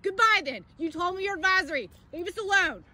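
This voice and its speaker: A woman with a sharply high-pitched voice yells at officers in an outdoor park. She is defiant and relentless, repeating herself again and again as she confronts them. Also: expressive, a little fast. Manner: yelling, defiant, repetitive demands. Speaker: mother confronting police. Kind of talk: heated street confrontation.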